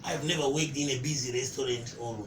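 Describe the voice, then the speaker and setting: Relaxed man from Zimbabwe, echoey room. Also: mid-range voice, brisk. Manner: relaxed, chatty, addresses host as bro. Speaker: chef. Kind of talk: casual interview. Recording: echoey, distant, noisy.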